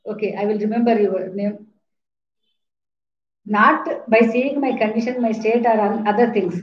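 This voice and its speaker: In an unhurried, mid-range voice with fairly even intonation, an Indian-accented woman in her fifties teaches a class online, restating points and posing questions. The sound, caught by a distant laptop or webcam mic in a small plain room, is dull and echoing.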